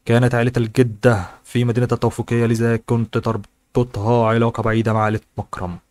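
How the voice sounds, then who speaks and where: A man reading a translated novel aloud as an audiobook narrator. He reads fast and sometimes stumbles and corrects himself. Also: medium pitch, flat delivery, darkish tone, dry recording.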